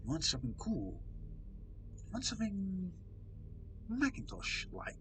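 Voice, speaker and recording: Talking casually to his stream audience, a man reads the chat aloud in a soft, soothing tone and jokes at his own expense. His voice sits high with big swings in pitch, he takes his time, and the background is noisy.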